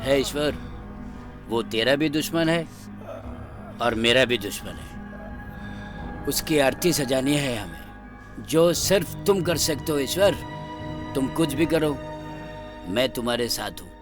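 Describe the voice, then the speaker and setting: An actor playing a scheming villain who slowly and quietly urges his henchman to strike at a shared enemy, in a dubbed action film. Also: expressive, music in the background, lightly acted. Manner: low, slow, conspiratorial.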